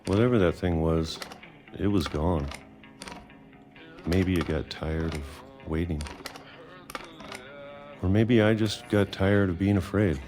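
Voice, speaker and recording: A man's voice: deep voice, takes it slowly, long pauses, a little mellow, faint music behind. A weary recluse leaving his hiding place. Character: reclusive middle-aged man hiding underground for decades. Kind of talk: game voice acting.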